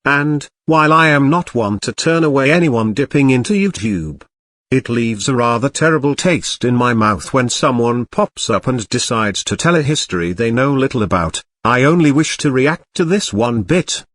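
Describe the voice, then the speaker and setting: A man giving scripted reaction commentary in a dry, sarcastic, measured way. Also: mid-range voice, expressive, a bit bright, dry recording. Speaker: commentary channel host.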